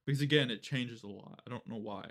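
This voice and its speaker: A man's voice: mid-range voice, quick pace, fairly bright tone. A young man live-streaming, chatting casually and rambling with lots of fillers and casual swearing. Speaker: livestreamer.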